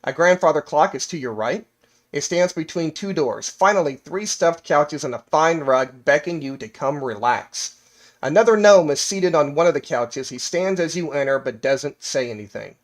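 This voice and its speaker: A man's voice: a little high, lively intonation. Man narrating a fantasy tabletop game. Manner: descriptive, measured scene-setting. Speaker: game master.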